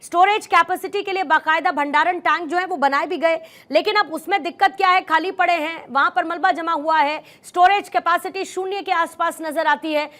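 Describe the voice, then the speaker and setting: A woman's voice: very high-pitched, brisk, few pauses, sharp tone. A woman moderating a TV news debate as host, interjecting and pressing guests with pointed questions.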